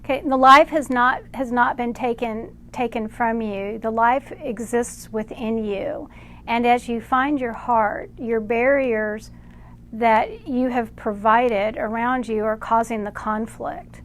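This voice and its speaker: A woman with a slightly high voice delivers channeled spiritual guidance. She talks slowly and deliberately, pausing between phrases. She refers to herself as "we" while she relays it. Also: fairly bright tone. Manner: slow, measured, speaks as "we" for unseen guides.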